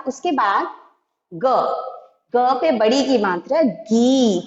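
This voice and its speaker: A woman teaching young children, slow and patient, spelling out each syllable one by one. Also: a little high. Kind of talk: Hindi alphabet lesson for young children. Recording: echoey room, dull lo-fi sound.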